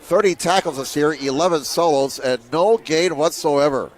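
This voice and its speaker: A man calling play-by-play for a high school football game, steady and measured that rises sharply on big plays. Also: a faint crowd. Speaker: play-by-play commentator.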